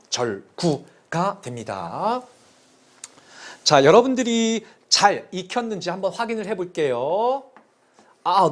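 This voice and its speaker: Slow, lively-voiced male teacher lecturing. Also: sits high. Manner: counts aloud and repeats key terms in a sing-song way. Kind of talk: classroom lecture on Chinese poetry.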